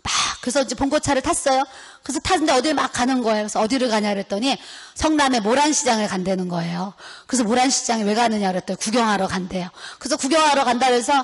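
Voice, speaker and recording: Middle-aged woman giving a testimony sermon, highish voice, acts out the prayers and lines she quotes, long hall echo. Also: fast talker, husky. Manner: vivid storytelling, acting out quoted prayers and dialogue. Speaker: pastor's wife giving a seminar talk. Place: retreat center hall.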